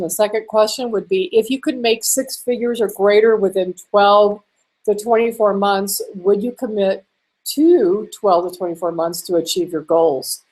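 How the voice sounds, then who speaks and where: A woman walking through a screen-share marketing tutorial in a chatty way, a little hoarse and clearing her throat now and then. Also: medium pitch, a little mellow. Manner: chatty, with fillers and small laughs. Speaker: online marketing instructor.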